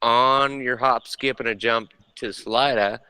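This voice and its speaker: A playful, joking man co-hosting a casual podcast. His voice is lowish but bright and crisp, recorded close and dry with no room sound. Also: steady tone, a little slow, no echo, poor audio. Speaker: podcast co-host. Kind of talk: casual chat.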